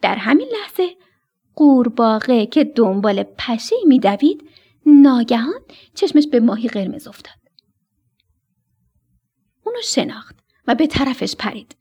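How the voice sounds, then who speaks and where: A woman tells a children's story in a high, sing-song voice that swoops up and down, now and then dropping to a hush. Her tone is soft and breathy. Quiet music plays faintly beneath her. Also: long pauses. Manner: expressive, dropping to a whisper at tense moments.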